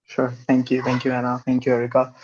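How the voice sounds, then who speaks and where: A man's voice: mid-range voice, completely flat delivery, fast talker, a little mellow, a little hiss or hum. A young man from India, presenting a webinar tutorial over a headset on a video call. He explains steadily, with frequent "uh" fillers. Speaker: guest presenter. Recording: muffled video-call audio.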